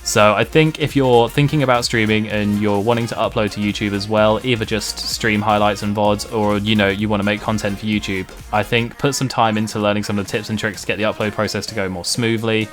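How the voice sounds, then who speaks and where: Male streamer, Home Counties English accent, lowish slightly nasal voice, rapid casual vlog delivery over clear background music. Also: fairly even intonation. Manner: self-deprecating, mildly sweary. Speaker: video game streamer.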